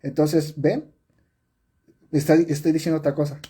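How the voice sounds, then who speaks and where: A man's voice: fairly high pitch, flat delivery, normal speed, mellow, breathy edge. Man teaching sign language. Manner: explanatory, repeats and self-corrects, many fillers. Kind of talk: live-streamed lesson. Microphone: phone or webcam on a live stream.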